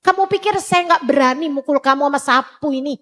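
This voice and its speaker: A woman's voice: sits high, fairly quick, fairly bright tone. A woman voicing an angry household helper who scolds and threatens a cat with a broom. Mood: scolding.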